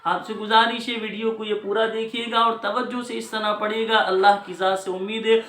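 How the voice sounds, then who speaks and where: A man teaching Quran recitation, explaining each letter and vowel step by step in a brisk, patient way. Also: sits high, level tone, sharp tone, reverberant. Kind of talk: spelling out recitation rules.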